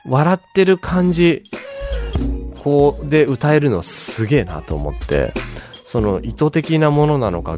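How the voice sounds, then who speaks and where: On a laid-back music radio show, a male host with a fairly low voice talks excitedly about the songs, pausing often and using lots of fillers.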